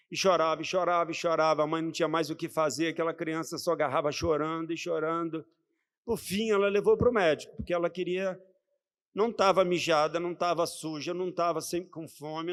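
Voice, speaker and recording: A man with a Brazilian Portuguese accent preaching a conversational sermon, often asking the congregation rhetorical questions. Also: high voice. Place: church hall. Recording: reverberant church hall.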